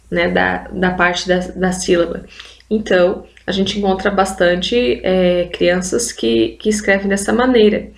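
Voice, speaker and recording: A woman's voice: medium pitch, echoey room. A Brazilian woman teaching literacy in an online video lesson. She explains step by step and keeps prompting viewers with "olha só" and "gente". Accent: Brazilian Portuguese.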